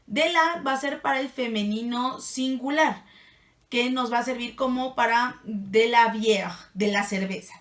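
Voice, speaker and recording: A woman's voice: fairly high pitch, a little slow, a bit bright, recorded from a distance. A woman teaching a casual online French lesson, chatty and playful. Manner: chatty and playful, laughs at her own asides. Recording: echoey room, voice set back from the mic.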